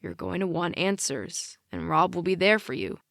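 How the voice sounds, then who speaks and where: A calm, protective teenage boy from a young adult audiobook, read by a woman who lowers her voice a little. He speaks in a reassuring, even way, and the recording is dry and close. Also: normal speed, vocal fry, dry recording, exaggerated voice.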